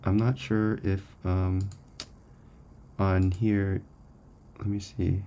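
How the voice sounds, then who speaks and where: A man's voice: deep voice, flat delivery, extremely slow, warm tone, slight background noise. A man co-hosting a casual livestream, answering tentatively as he thinks aloud. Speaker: software developer co-hosting stream.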